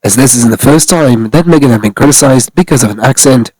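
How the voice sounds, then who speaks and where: A man's voice: mid-range voice, fairly quick, a little mellow, slightly rough, dry recording, rough recording. A man narrating a scripted celebrity news commentary, reading steadily from articles.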